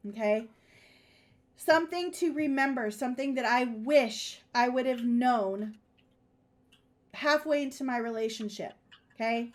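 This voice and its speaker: A woman with a high voice talks in a casual podcast chat. She gives advice with emphasis and hammers home her main points by repeating them. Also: unhurried, pauses often. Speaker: podcast co-host.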